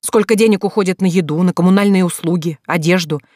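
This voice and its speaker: A narrator voicing a calm, stern older brother who lectures in a level tone in an audiobook. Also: medium pitch, fast, no echo, studio quality, natural voice.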